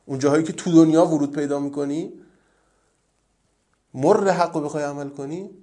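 A man's voice: a little high, fairly even intonation, mellow. A man giving an earnest, emphatic religious lecture as a cleric, repeating his key points.

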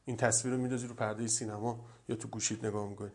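A man giving a religious lecture, telling stories and often dropping to a soft, low voice. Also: little pitch movement. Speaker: cleric.

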